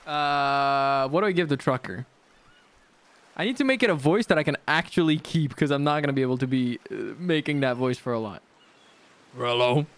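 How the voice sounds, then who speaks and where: A man's voice: fairly high pitch, animated, fairly quick. A man streaming a game, switching between casual, sweary commentary and dramatic read-aloud narration. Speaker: streamer playing and voice-acting a game. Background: background music.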